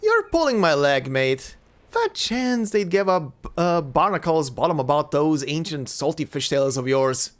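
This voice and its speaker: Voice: medium pitch, very animated, a little slow. Someone voicing a cheeky, mocking ghost sailor with salty slang in a video game read-aloud.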